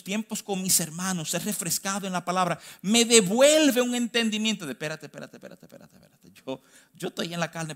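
A man with a Dominican accent preaching a sermon, stressing key phrases slowly and then rushing through quick asides. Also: high-pitched, a bit bright. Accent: Dominican Spanish. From Dominican Republic. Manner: emphatic, swinging between slow stressed phrases and quick asides.

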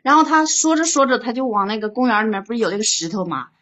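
Woman caller rushing thru her story, trips and repeats words a lot. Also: on the high side, fairly bright tone. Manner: stammering repeats, rushed storytelling. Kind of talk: telling her own story on a call-in show.

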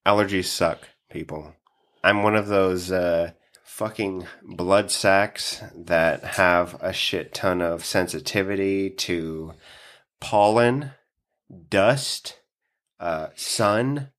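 Podcast host guy, real low voice, stuffed up from allergies, swears a bunch. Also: takes it slowly, fairly bright tone. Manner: casual, swears often, laughs a lot. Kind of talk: casual chat.

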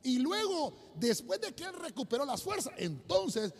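A man's voice: very high voice, big pitch swings, moderate pace, big-room sound. A man preaching a sermon as pastor, repeating himself and speaking straight to the congregation. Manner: preaching with frequent repetitions and direct address to the congregation. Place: church sanctuary.

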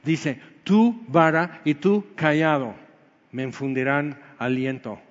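A man preaching a Sunday sermon in an animated way, swinging between loud exclamations and quiet low asides. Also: slow. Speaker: pastor. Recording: dull sound with long hall reverb.

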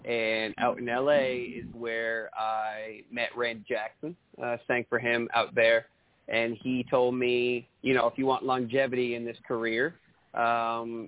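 A man's voice: mid-range voice, unhurried, no echo. Friendly male guest on a tinny line. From Maine, USA. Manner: friendly, laughing easily, relaxed. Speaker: guest, singer-songwriter and producer. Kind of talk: casual interview answers. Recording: dry, tinny phone-like line.

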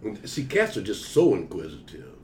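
A man's voice: lowish voice, wildly swooping pitch, normal speed, a little mellow, a little hiss or hum. A man chatting casually, emphatic and profane, often repeating himself for stress. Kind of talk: casual chat.

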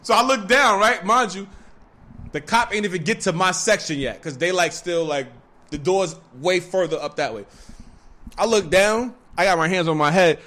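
A young man telling a wild story in casual, profane street slang, rambling with lots of fillers and growing animated. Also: high-pitched, normal speed. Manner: animated, breaks into laughter. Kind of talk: casual chat.

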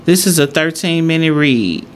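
Speaking at a normal speed in a deep, expressive voice, a woman hosts on her own and talks casually to her followers. She muses aloud and keeps repeating points for emphasis, while background noise and room ambience are clearly audible.

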